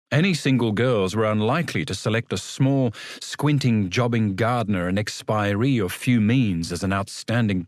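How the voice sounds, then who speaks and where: A man's voice: mid-range voice, no room sound, studio quality. A man reading a literary story as a scripted audiobook narration.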